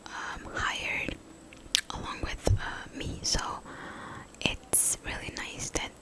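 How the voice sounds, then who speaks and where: Hushed, whispering young woman, slow ASMR ramble. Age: young adult. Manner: hushed voice, pure unvoiced whisper; halting, unhurried, conversational. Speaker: ASMR content creator.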